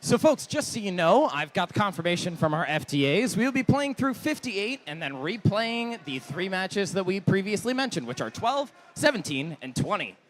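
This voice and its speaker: A man emceeing a live robotics competition, introducing teams and starting matches with playful, loud hype. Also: sits high, sing-song, normal speed, few pauses. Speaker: event emcee.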